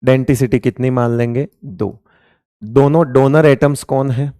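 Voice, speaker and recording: This Hindi chemistry lecture comes from a man with a steady, warm, mid-range voice who talks a little slowly. He keeps asking the class questions and supplying the answers himself, affectionately addressing students as beta and raja, all in clean studio sound with no room tone.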